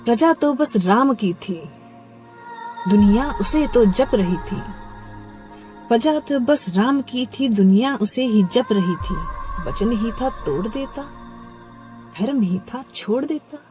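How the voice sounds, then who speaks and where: A woman reciting devotional poetry with expressive delivery, her voice swelling and sinking to soft near-whispers on the refrains. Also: on the high side, takes it slowly, long pauses. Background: faint background music.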